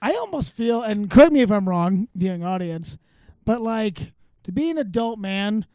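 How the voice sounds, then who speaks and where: A man in his forties with a notably high-pitched voice hosts a comedy podcast from a studio. He riffs playfully and repeats his co-host's lines back for laughs. The sound is close and dry, with no room in it. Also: lively intonation, normal speed, warm tone, no room sound. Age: 40s. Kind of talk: casual comedic banter. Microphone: studio microphone.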